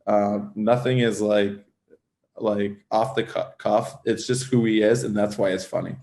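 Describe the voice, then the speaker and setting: Low-ish and fairly even in intonation, his voice is unhurried, a little mellow, and marked by vocal fry. He's a former pro hockey player in his thirties from Southern California, guesting on a casual podcast, rambling, restarting often, and leaning heavily on "like".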